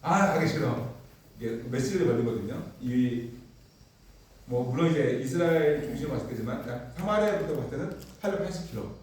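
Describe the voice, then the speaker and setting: A man teaching a church Bible class, telling the story with lively energy and asking the class questions. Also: mid-range voice, quick pace, a little hiss or hum. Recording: echoey room from far off.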